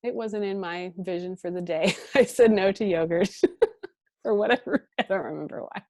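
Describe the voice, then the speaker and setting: A woman in her thirties speaks as a guest on an online interview, her voice at an ordinary middle pitch. She sounds warm and animated, laughing often and talking through fillers. The sound is dry and close, with no room echo. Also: moderate pace. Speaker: guest speaker, parent coach. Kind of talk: conversational interview.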